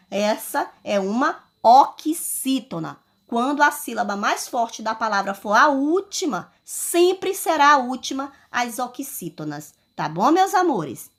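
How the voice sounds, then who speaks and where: A woman teacher with a Brazilian Portuguese accent talks to young pupils at home. Her voice sits fairly high and swoops up and down a great deal. She stretches out and calls out the key words in a sing-song way. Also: fairly bright tone. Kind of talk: recorded class for children at home.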